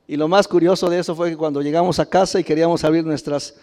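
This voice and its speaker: A middle-aged man with a Mexican Spanish accent preaching a sermon, telling personal stories with frequent chuckles and loud exclamations. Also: on the high side, brisk. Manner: animated, chuckles often, rises to loud exclamations. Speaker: pastor. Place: church sanctuary. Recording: reverberant church hall.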